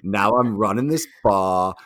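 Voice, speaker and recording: A man's voice: fairly low pitch, unhurried, a little hiss or hum. A young man telling a story in conversation, acting out the other voices in it. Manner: animated storyteller, acts out quoted voices.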